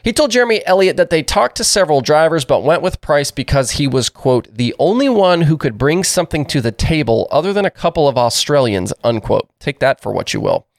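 A man's voice: on the high side, expressive, no room sound, clean studio sound. Congested man hosting a racing news show. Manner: brisk, informal news delivery. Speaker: host. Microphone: new microphone.

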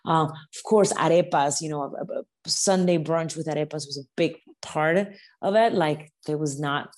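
A woman's voice: low-pitched, normal speed, darkish tone. A middle-aged woman from the United States, talking casually as an interview guest, with many restarts and repeated words.

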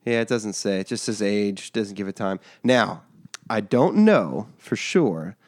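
A man's voice: lowish voice, expressive, a little slow, darkish tone. A man who sounds nasal from a lingering cold, chatting casually on a podcast with brief, dry replies. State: getting over a cold. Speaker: beer podcast co-host. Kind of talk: casual chat.

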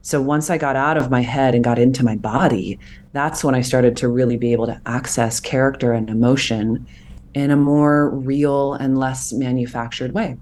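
Her voice is extremely low in pitch, her pace moderate, with slight background noise. She's a voice actor in her thirties, the guest in an interview, discussing her craft earnestly and reflectively and getting animated as she explains.

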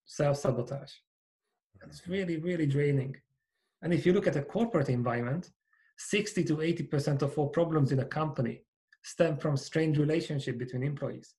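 A Hungarian man, a company founder and coach, is a podcast interview guest with a Hungarian accent. His pitch is fairly high and a little mellow, and he talks earnestly while letting phrases fade away.

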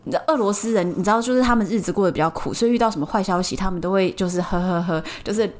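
Woman podcast host, quick casual chat, lively storyteller. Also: medium pitch. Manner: animated storytelling, acting out quoted voices.

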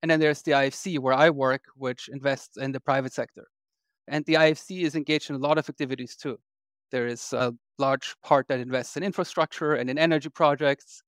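A man from Austria, an investor guest on a podcast, explaining in a measured way. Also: medium pitch, fairly even intonation, clear, resonant tone, no room sound, clean studio sound. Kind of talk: podcast interview.

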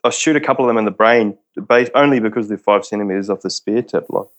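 A man's voice: lowish voice, quick pace. A man with a broad New Zealand accent, chatting casually as a podcast guest in a laid-back, slangy, jokey way. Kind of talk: casual interview chat.

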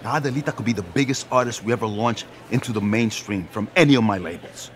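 An actor playing an enthusiastic, persuasive music label boss. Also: male voice, on the low side, quick pace, a little hiss or hum, close to an everyday voice. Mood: eager. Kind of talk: audio drama acting.

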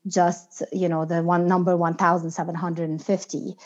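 A woman with a somewhat low voice talks reflectively in an interview. Her phrasing is earnest and emphatic, chosen with care. The recording is slightly dull and lo-fi. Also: level tone, moderate pace. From outside the United States. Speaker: podcast guest, inclusion and diversity consultant.

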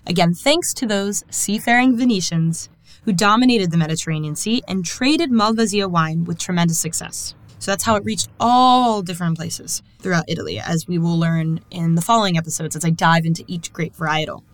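A woman hosting a podcast with a slightly low voice. She talks in a chatty, friendly way and laughs often as she moves from a prepared segment to a loose conversation. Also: fairly quick, no room sound, rough recording. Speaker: podcast host. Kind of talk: scripted segment and casual interview.

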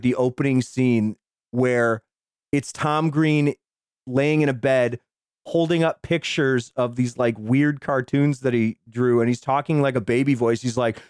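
A man hosting a casual film podcast, telling the story in an animated way with swearing and laughs. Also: medium pitch, no echo, studio quality. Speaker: podcast host.

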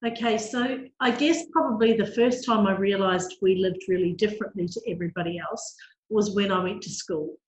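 A New woman in her fifties speaking as an interview guest. She talks candidly and matter-of-factly at a middle pitch. Her voice carries some room echo. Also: brisk. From New Zealand. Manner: candid, matter-of-fact storytelling.

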